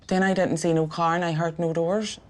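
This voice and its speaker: Low, flat-voiced Northern Irish woman. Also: fairly quick. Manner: emotional, plainspoken storytelling. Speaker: relative of the victim. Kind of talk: documentary interview. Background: music.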